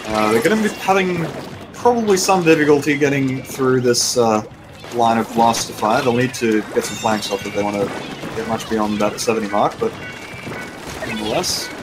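A man doing play-by-play esports commentary, rambling and excitable, with lots of fillers. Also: medium pitch, normal speed. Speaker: esports caster. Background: background music.

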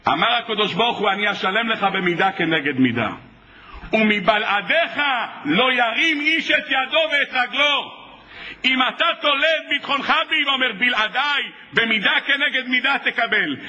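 A man's voice: high-pitched, bright, forceful tone, rough recording. A man preaching a sermon as a rabbi, in an impassioned way that acts out the dialogue he quotes. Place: synagogue or hall.

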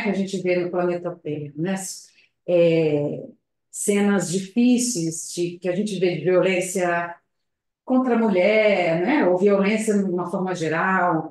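A woman gives a public talk at a spiritist center over a video call. She speaks in a slow, reflective, hesitant way, often adding tag questions. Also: on the low side, a little mellow. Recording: very echoey room.

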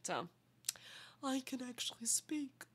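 A livestreaming woman, congested and nasal from illness, chats casually and playfully with her viewers, giggly and affectionate. Her voice sits high with a breathy edge, slow and expressive.

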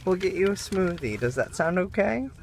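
A man's voice: high voice, lively intonation, normal speed, background noise. A man looking after a patient in casual, caring chat, recorded on a phone inside a car.

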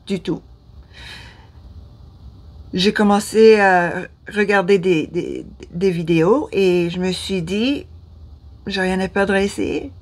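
A woman in her fifties from Ottawa with a Canadian French accent, talking to camera in a hesitant way, often losing her words and restarting. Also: mid-range voice. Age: 50s. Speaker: vlogger. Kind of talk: casual talk to camera. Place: small room indoors.

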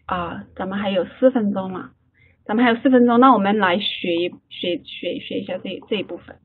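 Study-group leader, woman, slightly breathy, drills phrases slowly, thin online-call sound. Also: medium pitch. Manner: repeats phrases slowly for drilling, stammers on restarts. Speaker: English class leader. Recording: phone-like online call audio.

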